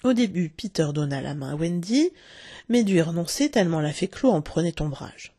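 Husky, gravelly woman reading a story aloud. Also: fairly low pitch, fairly quick, dry recording, studio quality. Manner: expressive storytelling, acting out the characters. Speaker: narrator.

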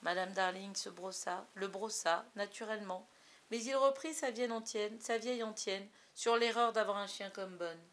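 Bright-voiced woman reading a story. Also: mid-range voice, normal speed. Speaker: narrator. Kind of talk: audiobook reading.

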